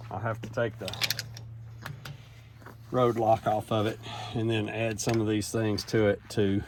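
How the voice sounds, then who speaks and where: A male farmer talking outdoors on a farm, explaining practical steps casually in a halting, matter-of-fact way. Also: lowish voice, level tone, darkish tone. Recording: very noisy outdoor recording, machinery and vehicle sounds.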